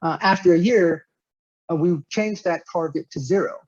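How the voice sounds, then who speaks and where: Man with a fairly high voice, filler-heavy. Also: a little mellow, no room sound, dull audio. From United States, Nevada. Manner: measured, with frequent "uh" fillers and repeated words. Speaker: guest speaker, company director. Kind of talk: online business presentation.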